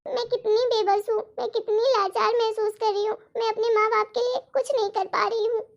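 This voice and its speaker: A woman's voice: very high voice, flat delivery, fairly quick, creaky, lo-fi sound. A woman voicing an anxious, helpless young married daughter in a family drama story, talking emotionally and pleadingly. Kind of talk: storytelling role-play.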